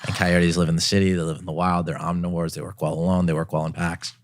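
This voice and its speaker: Fast-talking deep-voiced male host. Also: little pitch movement, no echo. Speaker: podcast host. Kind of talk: interview chat.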